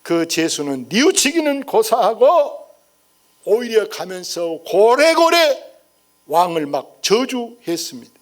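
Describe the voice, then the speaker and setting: A blunt court minister, put on by a preacher speaks up in a raised, earnest voice. He protests slowly and insistently before his ruler. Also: high-pitched, big pitch swings, heavily acted. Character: blunt, truthful male royal minister.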